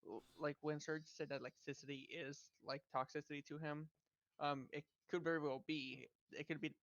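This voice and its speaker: A man joins a casual podcast chat as a guest, speaking hesitantly with lots of fillers. His voice is gravelly and flat in pitch. The audio sounds dull and lo-fi. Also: normal speed, no echo.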